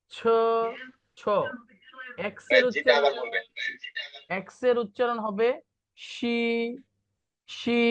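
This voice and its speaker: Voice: mid-range voice, dry recording. Teacher drilling syllables over a dull video call. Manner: repeats drilled syllables, code-mixes English. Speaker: Chinese language teacher. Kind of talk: online class lesson.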